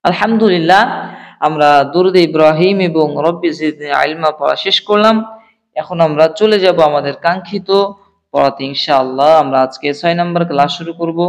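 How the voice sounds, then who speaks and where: Man teaching slow Arabic spelling. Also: on the high side. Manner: spells out Arabic letters and vowel marks slowly, then reads each word; repeatedly asks viewers to comment. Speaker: Quran reading teacher. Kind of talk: online Quran reading lesson.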